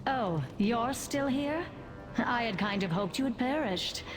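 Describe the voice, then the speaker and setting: A woman's voice: a little high, animated, a little slow. Haughty, sardonic undead banshee queen. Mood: mocking. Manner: cool, sardonic. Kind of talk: fantasy video game voice acting. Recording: music behind.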